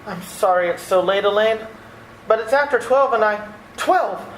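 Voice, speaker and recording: In an old-time radio play, a woman plays a young male theatre critic who is exasperated and sardonic, flustered to the point of frenzy. Her medium-pitched voice moves at normal speed, close to how she'd normally talk, in an echoey room with faint noise.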